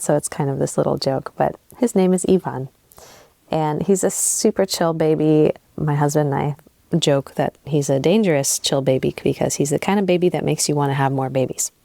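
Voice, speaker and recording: A woman in her thirties from Southern California hosting an unscripted solo podcast, soft-spoken and reflective, a little sleep deprived, speaking into old earbud headphones while sitting on her bed. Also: deep voice, vocal fry, dry recording. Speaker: podcast host and relationship coach. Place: bedroom, recording on her bed. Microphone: old wired earbud headphones mic.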